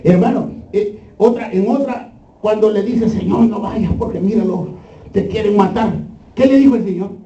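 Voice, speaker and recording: A man preaches to his congregation, firing questions at them and acting out the lines he quotes. His voice is high and mellow. It comes from a distance in a roomy church, on a dull, muffled recording. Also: normal speed. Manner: acts out quoted lines, shouting at peaks. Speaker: pastor. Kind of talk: sermon.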